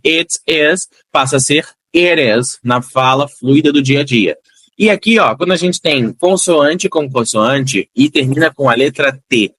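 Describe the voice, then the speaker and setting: A Brazilian man giving an English lesson at a mid pitch, repeating words and phrases slowly and carefully to model their sound. He breaks in with upbeat encouragement for his students. The recording is dry and close, with almost no room sound. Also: fairly bright tone, breathy edge, dry recording. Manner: encouraging, motivational asides to students. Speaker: English teacher.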